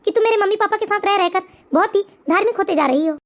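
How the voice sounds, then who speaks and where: A performer with a very high voice playing a dutiful grown son and father in an animated family story, earnest and lecturing. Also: fast. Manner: earnest, turns stern and lecturing. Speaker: cartoon character.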